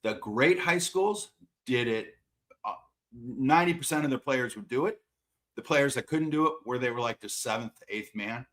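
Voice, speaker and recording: This swimming and water polo coach has a medium-pitched, somewhat bright voice and a moderate pace. He responds to interview questions in a down-to-earth, self-deprecating way, repeating words as he gathers his thoughts.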